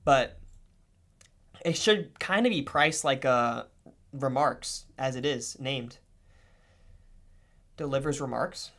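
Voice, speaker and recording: A young man livestreams casual commentary, swearing freely. He speaks slowly with long pauses, swinging between low mutters and excited outbursts.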